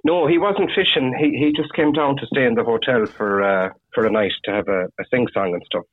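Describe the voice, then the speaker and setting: A man with a west of Ireland, Galway accent telling anecdotes casually, in a husky, rambling, halting way with lots of "you know". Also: mid-range voice. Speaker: fishing guide (gillie) interviewed as guest. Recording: tinny phone-like radio sound, roomy echo.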